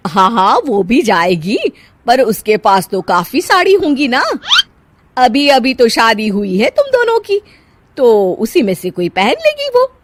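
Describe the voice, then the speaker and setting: A woman's voice: a little high, sing-song, a little slow, slight background noise, pitched above the performer's own voice. A woman voicing a scheming, biased middle-aged stepmother in a moral cartoon, with a haughty, scolding, bossy delivery. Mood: dismissive. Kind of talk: Hindi moral cartoon voice acting.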